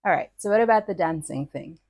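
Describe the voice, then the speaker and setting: A Nigerian woman hosts a podcast, reading her own lyrical personal essay in a playful, wordy, self-mocking style. Her voice is on the low side and a little mellow, with lively intonation and a quick pace. The studio-quality recording has no echo.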